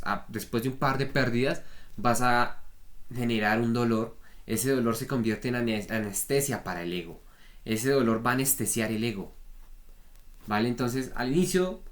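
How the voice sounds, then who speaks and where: Man, trading coach, blunt talk, repeats himself, mid-range voice. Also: medium pitch. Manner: frank, repetitive, peppers talk with "¿vale?". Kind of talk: spoken lesson on trader psychology.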